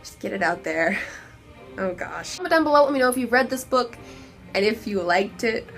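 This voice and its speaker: A young woman with a Texan accent, hoarse and losing her voice, giving an animated, exasperated book review with laughing asides. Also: fairly high pitch, moderate pace, soft background music. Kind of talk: casual video review rant.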